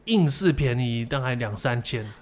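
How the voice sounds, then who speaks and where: A man, co-hosting a podcast and telling a story in a rambling, casual way, slowing down to stress his points. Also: mid-range voice, lively intonation. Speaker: podcast co-host. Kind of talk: casual chat.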